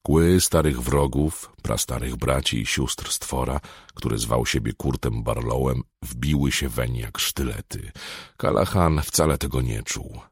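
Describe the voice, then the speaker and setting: Very deep gravelly male audiobook narrator. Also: unhurried, no room sound, clean studio sound. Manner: dramatic, swelling on tense moments.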